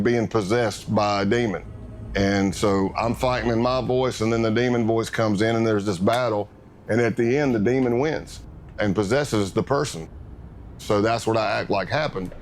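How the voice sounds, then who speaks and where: Low-voiced man telling war stories. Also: fairly even intonation, moderate pace, a little hiss or hum. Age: middle-aged. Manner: vivid storytelling, acts out what others said. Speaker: former undercover agent interviewee. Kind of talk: documentary interview storytelling.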